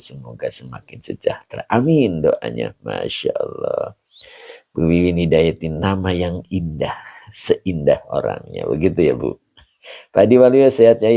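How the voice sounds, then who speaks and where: A man, an Islamic teacher greeting online viewers by name in a chatty way, often chuckling and clearing his throat. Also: low voice, warm tone. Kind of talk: greeting viewers of an online religious study session.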